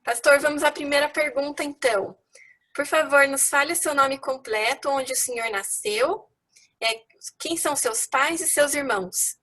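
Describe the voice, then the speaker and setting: A woman's voice: high voice, moderate pace, sharp tone. A woman interviewer asking polite, formal questions.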